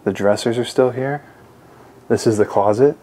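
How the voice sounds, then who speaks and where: A young man casually narrating a walkthrough of an empty mansion, talking to his viewers with excitement. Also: medium pitch, normal speed. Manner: excited, addresses viewers as guys. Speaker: urban explorer vlogger. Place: large empty mansion indoors.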